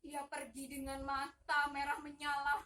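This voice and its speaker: A woman's voice: high voice, monotone, normal speed, sharp tone. A young woman acting in a stage monolog, playing an abused, imprisoned female migrant worker who speaks with passion, cries out and sobs. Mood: hushed, fearful. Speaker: student actor. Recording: distant mic.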